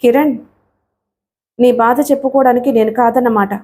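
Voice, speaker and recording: Woman reading quiet sad young woman, hushed, high mellow voice. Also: fairly even intonation, normal speed, natural voice. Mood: sorrowful. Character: young woman, torn and sorrowful.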